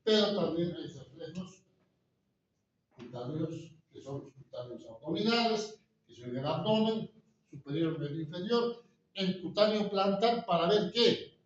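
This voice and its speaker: A man lectures to a class, checking in with the room through constant rhetorical questions. His voice sits a little high and comes from a distance. The room is very echoey, and the recording sounds dull and muffled, with faint noise behind it.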